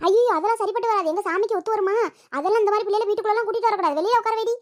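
A woman voicing a bossy, traditional old grandmother and mother-in-law in a village cartoon, giving sharp commands. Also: very high voice, racing. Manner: scolding, commanding. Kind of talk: Tamil village cartoon voice acting.

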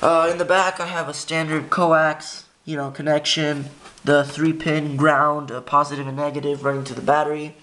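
A man with a fairly high, level and somewhat bright voice gives a moderately paced, casual tour of his radio as a hobbyist. He stumbles and corrects himself often in this unscripted, informal demo. The handheld camera's built-in microphone, used in an indoor room by a window, produces noisy audio with clicks.

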